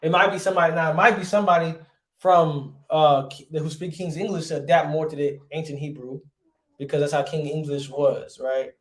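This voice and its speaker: A man's voice: fairly high pitch, fairly even intonation, fairly quick. Man teaching a casual class. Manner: conversational, asks rhetorical questions often. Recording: roomy echo.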